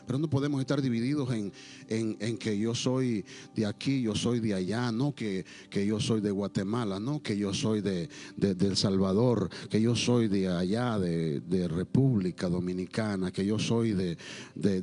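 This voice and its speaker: Delivering a Pentecostal sermon to a church congregation, this pastor alternates loud, shouted proclamations with hushed asides, and he likes to tease his listeners.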